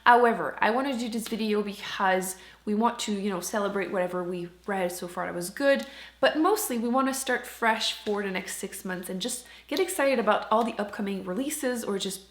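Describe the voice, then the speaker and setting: Talking casually to camera, a female book reviewer and channel host keeps things chatty and informal, leaning on important words for emphasis. She has a medium-pitched, brisk voice, and the indoor space sounds roomy and echoey.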